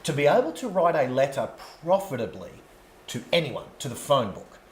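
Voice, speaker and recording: A man hosting a podcast interview, telling stories with animated energy and frequent laughter. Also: fairly high pitch, moderate pace. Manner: animated storyteller, laughs often. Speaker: podcast host. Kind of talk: casual interview chat. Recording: roomy echo, faint background noise.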